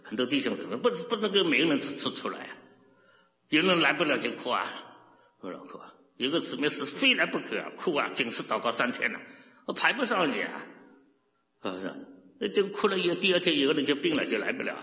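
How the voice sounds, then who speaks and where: Animated preaching man in echoey hall. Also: fairly high pitch, quick pace. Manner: animated, rhetorical questions, laughs often. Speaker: pastor. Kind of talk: sermon. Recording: echoey hall, dull lo-fi sound.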